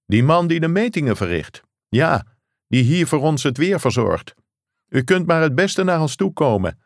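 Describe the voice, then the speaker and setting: A man's voice: fairly high pitch, big pitch swings, moderate pace, dry recording, studio quality, voice pushed up. A man voicing an urgent caller on a distant phone line, speaking in clipped, raised phrases, in an audiobook reading. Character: adult male caller from a remote outpost.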